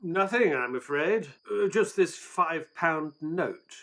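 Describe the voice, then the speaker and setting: Earnest Watson, animated storyteller. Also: male voice, fairly high pitch, takes it slowly, exaggerated voice. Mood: concerned, doubtful. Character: earnest, courteous Victorian male doctor narrating his friend's case. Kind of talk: audio drama narration and dialogue.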